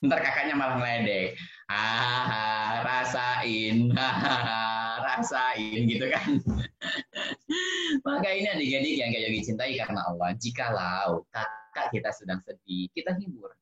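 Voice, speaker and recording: A man teaching a lively religious lesson to children over a video call, acting out children's voices with big jumps in pitch. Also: normal speed, soft background music. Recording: roomy, dull video-call audio.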